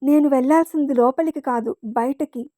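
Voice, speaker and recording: A woman voicing a withdrawn young woman who speaks curtly and flatly in a storybook reading. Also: high voice, moderate pace, no echo, studio quality, lightly acted. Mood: cold. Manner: curt, flat, sullen.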